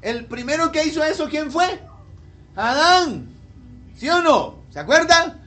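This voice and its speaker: A man's voice: very high-pitched, big pitch swings, unhurried, bright, forceful tone. A male pastor preaching a sermon, asking the congregation questions and acting out the people in the story.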